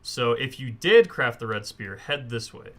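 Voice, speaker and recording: A man's bright, forward, mid-pitched voice narrates a gameplay tutorial in a casual, expressive way, moving a little slowly. He walks through each step informally, like a speedrunner teaching the route.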